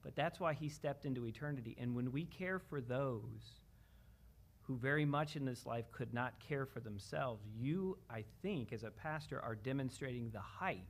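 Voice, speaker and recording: A man serving as pastor, giving a memorial service address in a church in a gentle, measured way with light humor. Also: medium pitch. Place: church sanctuary.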